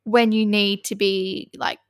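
Aussie woman co-hosting a podcast, creaky voice, says like a lot, dry close sound. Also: mid-range voice, little pitch movement, slow, dry recording. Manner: chatty, filler-heavy, many "like"s. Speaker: podcast co-host. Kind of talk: casual chat.

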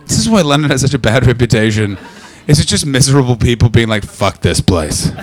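A man doing stand-up crowd work, brash and profane, teasing the audience and breaking into loud shouts. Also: medium pitch, sing-song, brisk. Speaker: stand-up comedian. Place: London comedy club.

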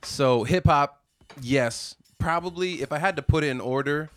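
A man's voice: fairly high pitch, normal speed. A man who is an actor, guesting in a casual chat and talking in a laid-back way with many fillers.

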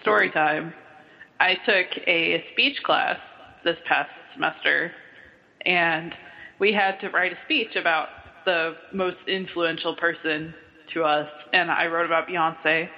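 A man's voice: fairly high pitch, fairly even intonation, slow pace, creaky. A young man in his twenties from Kentucky, hosting a casual chat and laughing often between lines. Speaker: podcast host. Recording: muffled audio, long room reverb.

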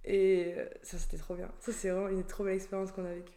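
A woman from France talking casually as a guest, chatty and quick to laugh between sentences. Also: medium pitch, completely flat delivery, warm tone. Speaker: guest sharing travel stories. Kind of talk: casual conversation.

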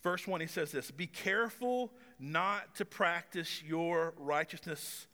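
Taking it slowly, a pastor around forty gives a sermon in a big-room sound on a reverberant church stage. His voice is on the high side, pushed and bright. The delivery is conversational and self-deprecating, with some stumbles and filler words.

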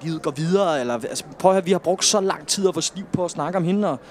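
A man's voice: a little high, darkish tone, lightly acted. An actor playing a concerned, earnest male friend who hesitates and stumbles over false starts. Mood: worried. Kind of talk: film drama acting.

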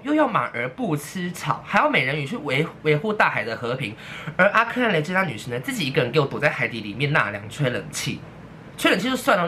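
Solo woman podcaster; animated, theatrical rant, bright tone. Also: sits low, slight background noise. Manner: animated, exaggerated, mock-outraged, laughing often. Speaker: podcast host.

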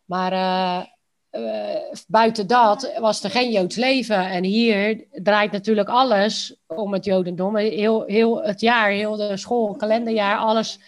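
A woman with a Rotterdam accent talks as an interview guest. Her pitch sits in the middle for a female voice. She phrases things informally and colloquially, in everyday conversational style. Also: steady tone, slow. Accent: Rotterdam Dutch. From Rotterdam, Netherlands. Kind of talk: casual conversational interview answers.

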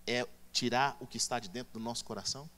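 Bright-voiced preacher man. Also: medium pitch, fast. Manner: emphatic, swings from hushed to loud. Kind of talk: sermon.

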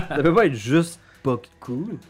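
Lively Quebec French game master. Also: mid-range voice, slow, slightly rough, faint music behind. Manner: playful, laughs often, sound effects. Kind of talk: narrating a tabletop game.

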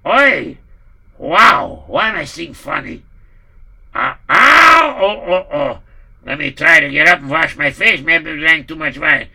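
Pompous drunken landowner, loud, bright and lively, put on by a male storyteller. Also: fairly high pitch, a little slow, gravelly, slightly rough, exaggerated voice. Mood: groaning. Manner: loud, groaning, bellowing.

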